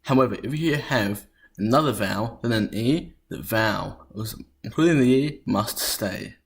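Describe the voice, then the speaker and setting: With a medium-pitched voice marked by vocal fry, a man reads scripted narration for a history lesson, deliberately sounding things out with the occasional stumble.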